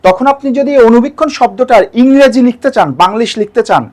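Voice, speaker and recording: A man teaching exam-prep grammar in a lecture, asking the listener rhetorical questions and slowly stretching out words syllable by syllable. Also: very high voice, a little mellow. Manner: syllable-by-syllable drawn-out demonstrations.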